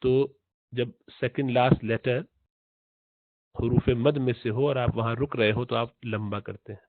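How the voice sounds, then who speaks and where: A man teaching tajweed in Urdu, explaining slowly, repeating letter sounds and chanting recited verses in long drawn-out tones. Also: medium pitch, fairly even intonation, no echo. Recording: tinny phone-like audio, dry.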